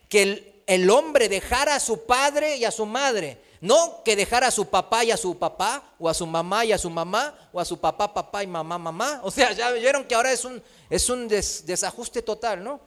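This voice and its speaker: A man preaching a sermon, asking rhetorical questions and tagging his points with a quick "¿no?". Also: high voice, animated, a bit bright. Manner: rhetorical questions with frequent tag "¿no?"; acts out quoted voices.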